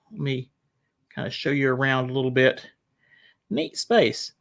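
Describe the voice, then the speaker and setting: Male pastor, casual rambling livestream talk, bright edgy tone. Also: fairly high pitch. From United States. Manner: chatty and rambling, with restarts and laughs. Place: small church parlor room.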